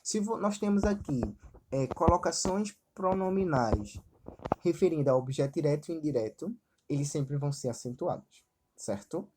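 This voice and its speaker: A woman teaching a slide-based Spanish lesson, explaining step by step, often checking in with quick questions, and saying example words slowly with stress. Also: deep voice, lively intonation, noisy background. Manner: explanatory, frequently checks in with "certo?" and "ok?".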